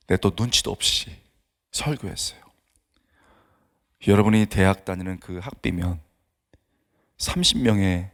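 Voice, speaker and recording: Male pastor, middle-aged, lively pitch, sermon storyteller who dips into whispers. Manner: animated storytelling, acts out dialogue, drops to whispers. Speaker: pastor and seminary professor. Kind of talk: dawn service sermon.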